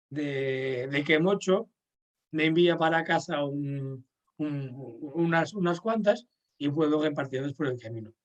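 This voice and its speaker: A Portuguese man, a pilgrim and host whose first language is Portuguese, tells stories in a friendly, casual conversation. His voice sits a little higher than most men's, and his warm, anecdotal telling is full of restarts and broken-off sentences. He keeps checking in with his listener, often asking "sabes?"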